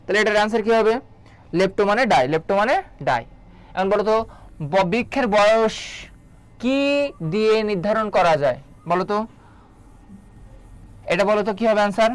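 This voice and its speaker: This Bangladeshi man has a high, smooth voice with no room sound. He runs an online exam-prep biology class at a quick, drilling pace, quizzing students and repeating key terms.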